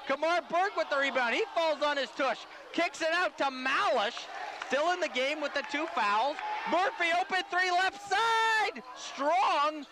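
A man calling basketball play-by-play, rapid and excitable as he follows the action. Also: very high voice, background noise. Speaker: play-by-play commentator.

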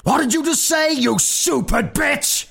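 A man voicing a brutal, abusive father who screams in fury, in a dark audio story. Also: unhurried, creaky, heavily acted. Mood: raging. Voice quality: strained high shouting.

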